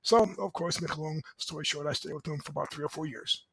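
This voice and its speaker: A middle-aged man hosting a podcast, telling his life story in a lively, conversational way, chuckling often. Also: a little high, fast, vocal fry, a little hiss or hum. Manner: animated, conversational, chuckles often, asks "right?". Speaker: podcast host. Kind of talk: personal storytelling monologue.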